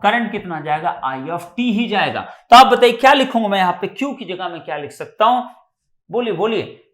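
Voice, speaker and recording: A man's voice: sits high, animated, moderate pace, a bit bright, echoey room. A man with an Indian accent teaching a live online exam-prep class, often repeating points and checking that students have understood.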